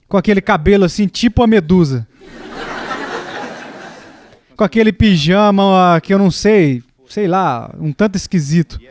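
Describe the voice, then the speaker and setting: High-voiced man preaching in a dry room. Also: darkish tone, clear, resonant tone, no room sound. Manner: storytelling with acted quotes, rising pitch in the quoted lines. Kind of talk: sermon.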